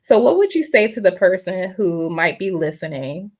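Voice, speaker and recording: A woman's voice: on the low side, big pitch swings, normal speed, darkish tone. A woman hosting a podcast interview in casual, conversational talk with frequent fillers, speaking over an online call. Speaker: podcast host. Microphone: online video call.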